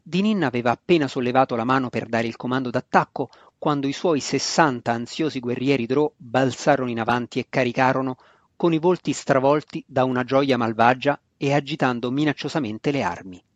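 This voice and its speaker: A man reading a fantasy novel aloud in a steady, measured scripted narration. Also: medium pitch, no room sound. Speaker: audiobook narrator. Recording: dry, slightly dull lo-fi recording.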